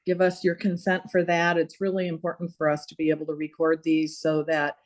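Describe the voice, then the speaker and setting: A woman's voice: low-pitched, monotone, a little fast. A woman hosting an online town hall over a video call, chatty, with many fillers and restarts. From not from Georgia.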